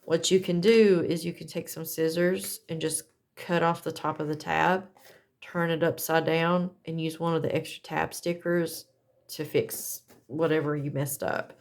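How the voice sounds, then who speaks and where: A woman's voice: sits low, fairly even intonation, moderate pace, creaky, a little mellow. A woman chatting casually as she demonstrates a craft setup, talking in a folksy way and correcting herself as she goes. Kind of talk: casual how-to chat.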